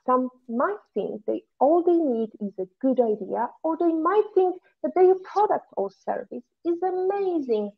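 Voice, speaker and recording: A woman hosts a podcast with an earnest, emphatic delivery, moving from a scripted introduction into questions for her guest. Her fairly high voice comes through a thin, phone-like line. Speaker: podcast host. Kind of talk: scripted intro then interview. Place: home office in Malta.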